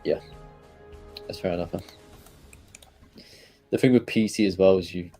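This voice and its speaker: Male streamer, low mellow voice, laid-back and rambly, faint music underneath. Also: moderate pace. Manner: relaxed, rambling, hesitant with frequent fillers. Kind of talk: casual live-stream chat, answering viewers.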